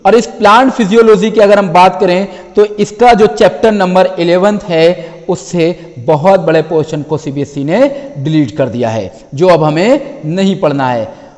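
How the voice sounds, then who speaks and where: High-voiced male teacher in a reverberant hall. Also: darkish tone. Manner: addresses students as children, repeats phrases; reads English topic names slowly from a list. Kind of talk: exam syllabus lesson.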